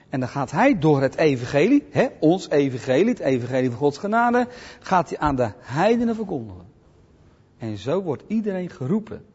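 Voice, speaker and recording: A man's voice: fairly high pitch, a little mellow, husky. A man teaching a Bible study, emphatic and often checking in with his listeners through rhetorical questions. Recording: dull lo-fi with long hall reverb.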